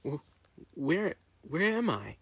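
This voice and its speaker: Man putting on a frightened young woman, raised pitch. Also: wildly swooping pitch, fast talker, vocal fry, dark tone, breathy edge, no echo, exaggerated voice. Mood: scared, confused. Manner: hesitant, theatrical. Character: frightened, confused young woman held captive. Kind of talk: dramatic storybook reading.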